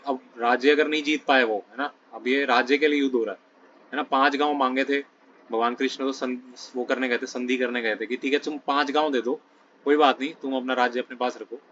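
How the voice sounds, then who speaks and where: A man's voice: mid-range voice, fairly bright tone. A man explaining scripture to a study group in a conversational way, often checking in with listeners between phrases. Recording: dull lo-fi sound with faint noise.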